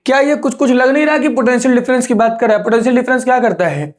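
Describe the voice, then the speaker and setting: A man's voice: very high voice, very fast. A young man with an Indian English accent, a teacher going step by step through exam sums, often putting a question to the class and answering it himself. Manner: explains step by step, asks and answers his own questions. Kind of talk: exam revision lesson.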